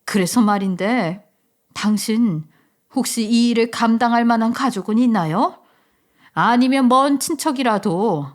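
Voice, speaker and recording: A woman voicing a wealthy middle-aged mother, emotional and pleading, with loud, slow, sobbing lines. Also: on the high side, natural voice. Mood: probing, stern.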